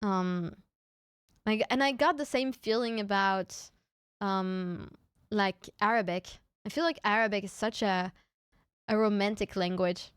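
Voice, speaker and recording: A young French woman, a VTuber streamer, chats casually with her viewers live, frequently stammering and restarting her words with small giggles. Her mid-range voice has a clear, resonant tone and a measured pace, recorded in studio quality with no echo.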